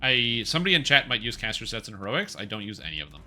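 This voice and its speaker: A man's voice: lowish voice, big pitch swings, fast talker, pushed and bright, soft background music. A man streaming a game over a headset mic, chatting casually with viewers and reading patch notes aloud. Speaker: livestreamer. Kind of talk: casual gameplay commentary.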